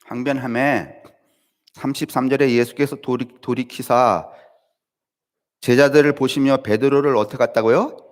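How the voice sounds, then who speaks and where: A man preaching a church sermon, questioning the congregation conversationally and swinging between loud emphatic high lines and quiet low asides. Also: fairly even intonation, moderate pace. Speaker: pastor.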